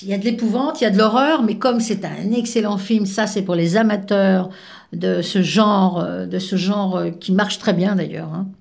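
A woman's voice: medium pitch, moderate pace, gravelly, darkish tone, roomy sound. A woman presenting films on the radio in a playful, chatty, teasing way. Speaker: radio film columnist. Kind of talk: casual radio chat.

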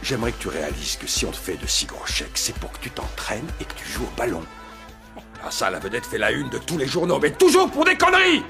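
An actor playing a stern club president who scolds a young star player, in a film trailer. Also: male voice, medium pitch, big pitch swings, fast talker, gravelly. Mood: scolding. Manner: angry, scolding. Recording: film clip under loud music.

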